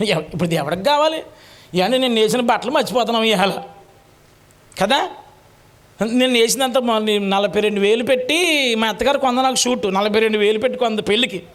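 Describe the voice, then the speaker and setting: A male preacher giving an animated, colloquial sermon full of joking asides to the congregation. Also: sits high, brisk, pauses often.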